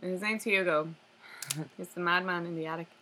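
A woman's voice: on the low side, steady tone, moderate pace, sharp tone. A young woman co-hosting a casual chat, teasing her friend and giggling.

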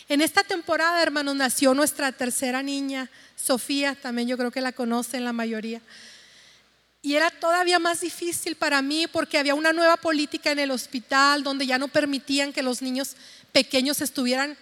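A woman's voice: high-pitched, a bit bright. A middle-aged woman, earnestly and tenderly giving a testimony to her church congregation. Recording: long hall reverb.

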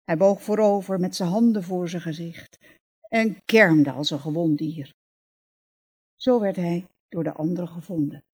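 A woman reading a passage from a novel aloud, measured and expressive. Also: fairly low pitch, breathy edge. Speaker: reader.

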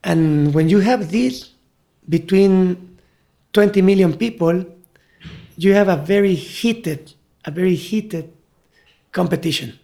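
A man's voice: high voice, slow, vocal fry, pauses often, mellow. A man from Mexico City with a Mexican Spanish accent, a native Spanish speaker and guide, talking reflectively and searching for words in an interview.

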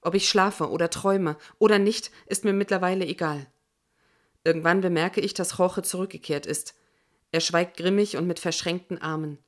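A woman reading a first-person audiobook in a measured, tense manner. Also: on the low side, steady tone. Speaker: audiobook narrator. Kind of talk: first-person scripted narration.

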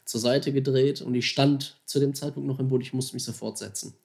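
A man casually and excitedly retelling how he caught a huge fish, slangy and animated, acting out his own thoughts and phone calls. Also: medium pitch, brisk, creaky. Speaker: angler telling a fishing story. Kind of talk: casual storytelling.

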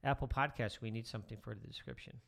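Middle aged guy teacher rambling on a podcast, gravelly voice, lots of ums. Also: mid-range voice, fast. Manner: relaxed, rambling with many fillers. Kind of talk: casual chat.

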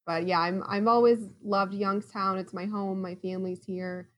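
A woman's voice: mid-range voice, fairly even intonation, moderate pace, a bit bright. A woman, a guest chatting in a casual podcast interview, friendly and laughing often. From Ohio, USA. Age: 30s.

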